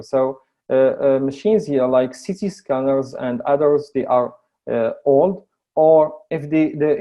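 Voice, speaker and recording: A man from Morocco with a North African accent giving a webinar presentation in halting, hesitant English, often repeating words. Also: medium pitch, vocal fry, muffled recording. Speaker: AI researcher and lecturer presenting projects.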